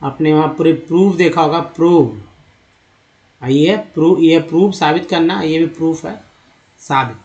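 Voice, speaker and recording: Male teacher, slightly high voice, drawn-out repetitive phonics lesson. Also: darkish tone, highs cut off. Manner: slow, repeats words syllable by syllable; addresses viewers as friends. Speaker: English teacher.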